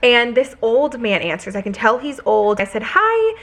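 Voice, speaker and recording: A young adult woman vlogging casually, telling stories in a chatty, animated way full of "like". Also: a little high, normal speed. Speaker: lifestyle vlogger. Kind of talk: casual vlog chat and storytelling.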